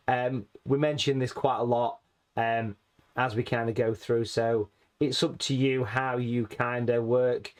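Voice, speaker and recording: A man teaching watercolour painting in a chatty, friendly way, his voice a little hoarse and rusty from hay fever. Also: medium pitch. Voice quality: rusty, slightly raspy. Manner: chatty, friendly, calls viewers folks. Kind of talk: casual painting tutorial.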